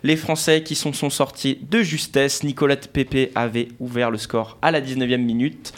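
Upbeat male sports radio host. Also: mid-range voice. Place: radio studio.

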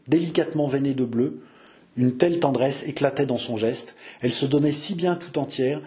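Man, audiobook narration, mid pitch, measured, expressive, lingering phrasing.

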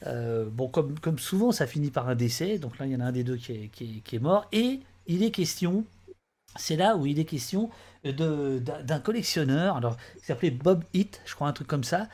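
A man's voice: fairly high pitch, expressive, normal speed, a little mellow. A man hosting an interview, hesitant and full of restarts as he asks his guests about their book. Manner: hesitant, many restarts and fillers. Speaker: host. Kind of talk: casual interview chat.

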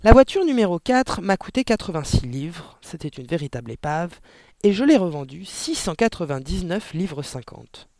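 A man's voice: a little high, sing-song, normal speed, no room sound. A man voicing a boastful, bullying middle-aged father in an audiobook story. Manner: bragging, then shouting in anger.

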